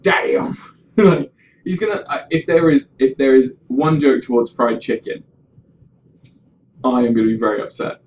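A man's voice: mid-range voice, normal speed, pauses often, a little mellow, slight background noise. A man co-hosting a podcast, chatting casually and ranting with opinions, swearing freely. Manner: ranting, sweary, mimics others in mock quotes. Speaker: podcast host. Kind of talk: casual opinionated film chat. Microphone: webcam about five feet away. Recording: dull webcam mic from distance.

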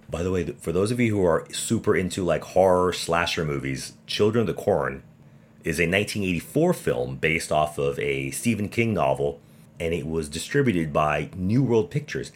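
Hosting his own sports podcast, a man with a deep voice drives home his opinions through sarcastic, emphatic, pointed rhetorical questions. He sounds expressive and keeps a moderate pace.

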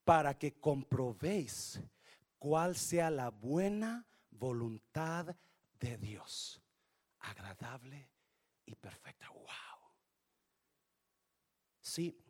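Mixing English and Spanish in the middle of sentences, a Spanish-accented male pastor gives a bilingual sermon. His high, lively voice climbs and falls constantly, and he shifts between hushed lines and full shouts.

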